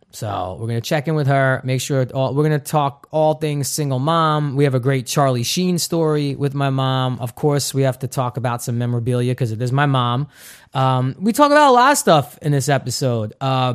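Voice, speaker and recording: Joking, upbeat male podcast host. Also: medium pitch. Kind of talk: casual podcast chat with ad reads.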